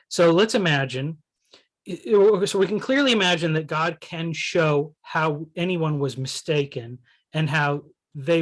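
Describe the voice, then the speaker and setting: A man in a casual philosophical conversation, thinking aloud with many restarts and "you know"s. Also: on the high side. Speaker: essay writer discussing his ideas.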